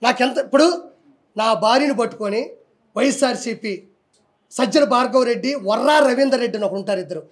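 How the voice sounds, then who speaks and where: A man's voice: very high voice, a little fast. A man, speaking combatively and defiantly in a heated political interview.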